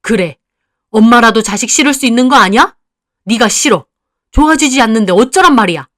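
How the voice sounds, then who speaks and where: A woman's voice: mid-range voice, moderate pace, pushed and bright, no echo, clean studio sound, natural voice. Woman playing a harsh scolding mother. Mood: cold contempt. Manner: scolding, contemptuous. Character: harsh, cold middle-aged mother.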